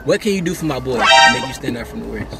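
A man hosting a blind date video, loud and excitable, full of slang and asking "you know what I'm saying". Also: mid-range voice, fast talker, creaky, over loud music. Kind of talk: casual hype hosting.

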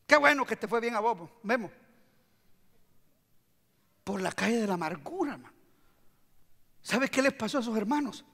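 Animated preacher man, high bright voice. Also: normal speed, gravelly, long pauses. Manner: animated preaching, acting out quotes, swings between hushed and loud. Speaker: pastor. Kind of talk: sermon. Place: church sanctuary. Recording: long hall reverb.

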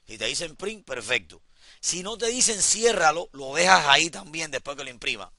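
A man teaching a software class in a classroom, repeating each step and talking straight to his students. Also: on the high side, expressive, moderate pace. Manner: repeats instructions, addresses students directly. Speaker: computer instructor.

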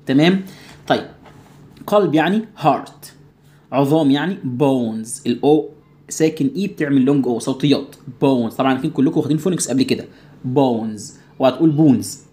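A fast-talking man with an Egyptian Arabic accent gives an English lesson. He asks himself the questions his students would ask and answers them. He drills each word by saying it slowly again and again. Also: medium pitch, warm tone. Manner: repeats English words slowly to drill pronunciation. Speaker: English teacher. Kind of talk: recorded classroom lesson.

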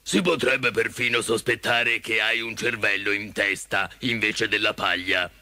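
A man's voice: on the low side, fairly even intonation, a little slow, background noise. A man voicing a big, timid, self-pitying lion in a storybook reading, plaintive and sighing. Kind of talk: storybook character voice.

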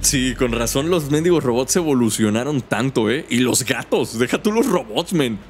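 A man's voice: mid-range voice, lively intonation, moderate pace, faint music behind. A young man giving casual, joking gameplay commentary full of slang. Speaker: gaming youtuber.

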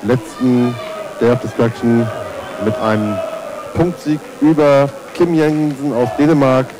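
A man commentating on a fight off the cuff, in measured, halting phrases. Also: medium pitch, steady tone, low-quality recording. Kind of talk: unscripted sports commentary.

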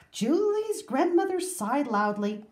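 Woman storyteller, slow lively read-aloud, roomy echo. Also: medium pitch. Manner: expressive, unhurried read-aloud. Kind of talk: children's storybook reading.

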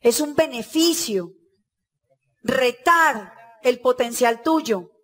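A woman with a high, bright-pitched voice speaks to a conference audience. She gives a motivational talk in a lively storytelling manner and acts out the dialogue. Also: slow.

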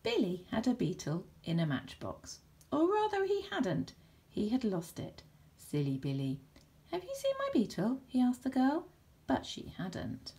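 Lively lady reading a kids story, bouncy voice with some gravel in it. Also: mid-range voice, a little slow. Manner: animated, expressive. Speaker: storybook reader. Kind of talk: children's story read-aloud.

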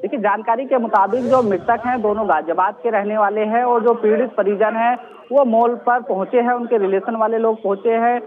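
A man's voice: high voice, fairly even intonation, a little fast. A male field reporter giving an earnest live news report from outdoors at a scene, repeating the key questions. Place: outdoors at a mall. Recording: tinny phone-line audio.

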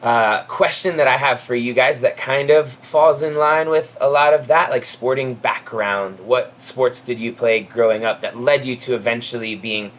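A man's voice: medium pitch, normal speed, few pauses, fairly bright tone. A man in his thirties hosting a casual backyard chat, upbeat and friendly, recorded outdoors on a covered patio by a camera mic at a distance. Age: 30s. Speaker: host.

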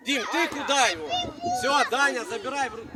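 A man coaching youth football, yelling short directions to players from the sidelines of an outdoor pitch. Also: brisk. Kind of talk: calling instructions from the sidelines. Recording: distant outdoor recording, loud crowd noise.

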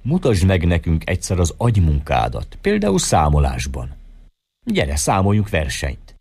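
A man's voice: low-pitched, wildly swooping pitch, creaky, darkish tone, husky, exaggerated voice. A man voicing a smiling, teasing man who sets a counting riddle, in an audiobook reading. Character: smiling, mocking Indian man setting a riddle.

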